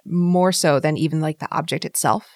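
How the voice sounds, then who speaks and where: A woman's voice: low-pitched, normal speed, darkish tone, no room sound, clean studio sound. A woman hosting a podcast, chatting casually and enthusiastically with many fillers and restarts. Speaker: podcast host.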